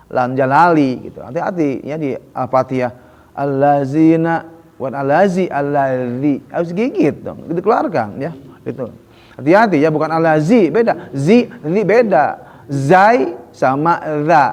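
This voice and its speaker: A man's voice: mid-range voice, vocal fry, long reverb tail. A man teaching Quran recitation, drilling letter sounds in short repeated syllables and adding cautions. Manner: cautioning, often adds "ya" and "gitu". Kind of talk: tajwid lesson with recited drills.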